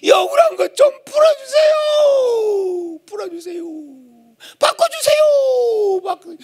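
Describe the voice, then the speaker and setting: A man voicing a desperate middle-aged churchwoman who cries out in prayer, sobbing and shouting her pleas. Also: lively intonation, takes it slowly, exaggerated voice. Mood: tearful, pleading. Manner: sobbing, shouting, high-pitched pleading.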